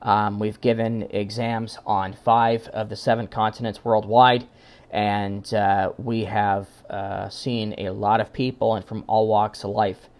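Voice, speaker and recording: A man speaks as a conference presenter giving an informal technical talk, his voice on the low side and his delivery flat. He moves in halting phrases, pausing often and repeating words.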